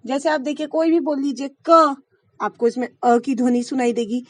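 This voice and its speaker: High-voiced woman teaching grammar. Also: normal speed, no room sound. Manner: explains patiently, asks the class questions and answers them herself. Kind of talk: Hindi grammar lesson for schoolchildren.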